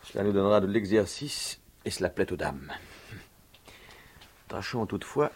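An actor playing a dashing, witty, gallant thief in a 1950s radio drama, with suave, theatrical banter. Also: male voice, lowish voice, expressive, moderate pace, a little mellow, breathy edge. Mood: jaunty, boastful. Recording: noisy vintage 1950s radio recording.

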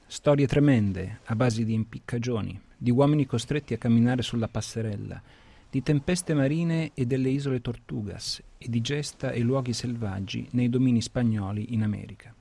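A man reading passages from an adventure novel aloud in a measured, storytelling way on a radio program. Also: medium pitch, vocal fry, warm tone, no echo. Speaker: reader of literary excerpts. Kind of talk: scripted literary reading.

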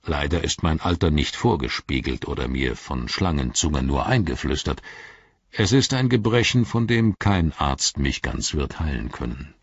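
A man's voice: very deep voice, lively intonation, normal speed, slightly rough, dry recording, muffled recording, exaggerated voice. A man voicing a weary aging king who speaks earnestly and tiredly in an audiobook reading. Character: weary aging king, proud but doubting.

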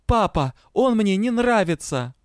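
Man acting young female vampire, furious, scornful, loud, smooth voice, storybook. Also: high-pitched, moderate pace, no echo, studio quality, pitched above the performer's own voice, natural voice. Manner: shouting, scornful, threatening.

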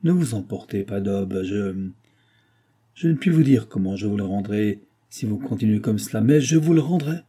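A man voicing a smooth-talking lieutenant who soothes and evades his angry friend. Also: fairly low pitch, animated, moderate pace, warm tone. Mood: placating. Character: smooth-talking male lieutenant, placating, slightly afraid.

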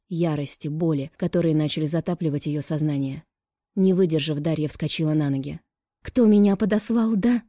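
A woman narrating an audiobook in a calm, even reading voice. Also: deep voice, dry recording, clean studio sound.

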